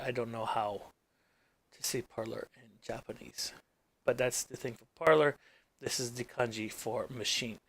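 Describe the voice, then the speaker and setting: In a dry recording, a gaming channel host with a medium-pitched voice and English as his first language casually narrates his screen recording. He muses aloud while working, rambling and letting sentences trail into mumbles.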